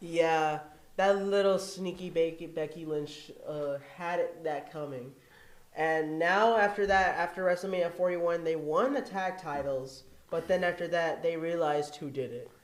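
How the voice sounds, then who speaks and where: A man co-hosting a casual podcast, relaxed and agreeable. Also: a little high, measured pace. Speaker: podcast co-host. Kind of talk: casual wrestling chat. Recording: echoey room.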